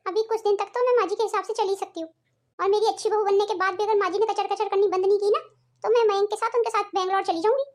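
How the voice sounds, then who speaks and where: A woman's voice: very high voice, fairly even intonation, fast. A woman doing a sulky headstrong young bride. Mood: grumbling. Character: young newlywed daughter-in-law, lazy and headstrong.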